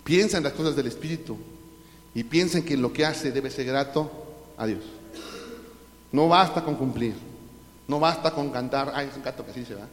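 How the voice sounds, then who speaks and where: Mexican pastor preaching in echoey hall. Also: male voice, mid-range voice, normal speed, pauses often. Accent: Mexican Spanish. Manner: swings from loud preaching to hushed asides. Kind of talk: sermon. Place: large church hall.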